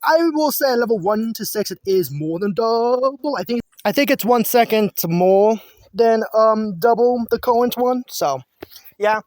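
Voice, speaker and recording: A woman's voice: fairly high pitch, lively intonation, unhurried, darkish tone, no echo. A woman talking outdoors in a casual chat about game balance, chatty and often stumbling and restarting her words. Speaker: gamer giving balance ideas.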